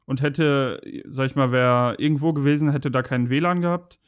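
A man's voice: medium pitch, steady tone, moderate pace, clean tone, no room sound. A man chatting casually on a podcast about a video game, talking in a rambling, hesitant way with many fillers.

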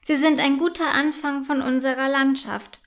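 A woman's voice: sits high, steady tone, natural voice. A woman voicing a touchy, stubborn younger sister, a little girl, in a storybook reading. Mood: shy, friendly. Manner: sulky, quick to take offense.

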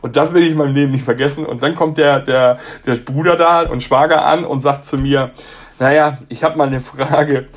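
A middle-aged man from Hamburg, a ventriloquist, telling a lively, self-mocking anecdote in a casual interview. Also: medium pitch, brisk, few pauses. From Hamburg, Germany. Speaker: ventriloquist guest.

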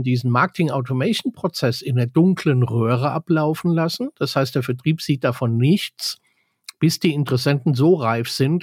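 A man in casual business chat on a podcast, explaining software processes fluently and with a lot of jargon. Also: medium pitch, no room sound, studio quality.

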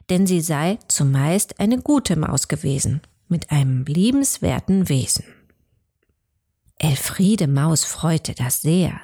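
Woman narrating a rhyming storybook. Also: low voice. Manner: measured and hushed at times.

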